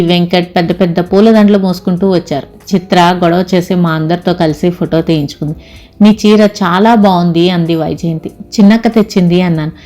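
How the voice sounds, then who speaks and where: A woman's voice: on the low side, dark tone, dull audio. A woman narrating an audio story in the first person, reading steadily and reflectively.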